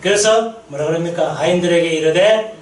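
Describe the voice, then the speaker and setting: Speaking briskly with a slightly high pitch, a missionary pastor delivers a sermon in a church sanctuary during a mission meeting. He tells stories with energy and quizzes the congregation, captured roughly on a distant mic in a roomy space.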